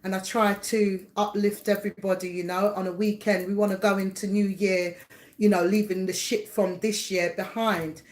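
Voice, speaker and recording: A chatty middle-aged woman hosts a casual live chat from home as a livestream host and psychic reader, rambling, laughing often and greeting viewers by name. Her voice is medium-pitched and darkish, with little pitch movement and a normal speed.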